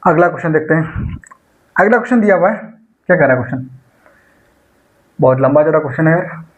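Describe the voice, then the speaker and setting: The audio is narrow and tinny as a man with a voice on the high side and lively intonation teaches an exam-focused maths lecture online. He walks through each step, saying numbers slowly as he solves problems, and regularly asks his students rhetorical questions.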